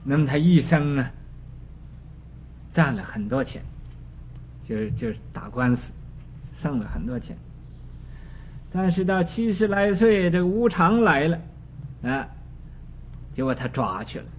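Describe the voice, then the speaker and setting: Man preaching with a parable, slow halting talk, many fillers, english words mixed in, dull lo-fi sound. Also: on the high side, animated, slight background noise. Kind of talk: storytelling sermon.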